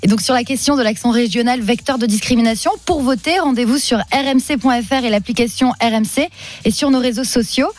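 A woman's voice: fairly high pitch, brisk. A woman on a radio show, reading out listener messages and vote results in a chatty way.

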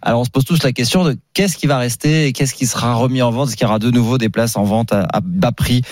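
A man's voice: mid-range voice, fast talker, dry recording, clean studio sound. Chatty male radio morning host. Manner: relaxed, chatty, hesitant fillers. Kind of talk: live radio talk and call-in. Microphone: studio microphone.

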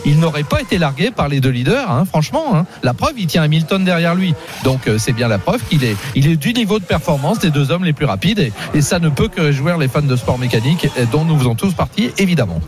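Un homme qui commente une course automobile en direct, bavard et analytique, ponctuant son propos de tournures familières. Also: male voice, on the high side, animated, fast, hardly any pauses, over music. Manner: talkative, analytical, with frequent conversational tags. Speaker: motorsport commentator. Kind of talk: live motor racing commentary.

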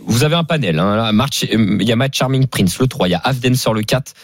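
A man hosts a casual studio radio show, his pitch swinging up and down as he steers the talk. The sound is dry and close, with no room around it. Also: lively intonation, fast talker, no room sound. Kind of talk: casual radio chat about horse racing bets.

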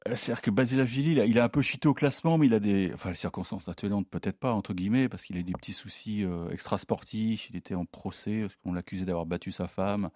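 A man giving tennis tips in casual chat, animated, with laughing asides and hesitant fillers. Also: fairly low pitch, fast talker, hardly any pauses, no echo, studio quality. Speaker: tennis pundit.

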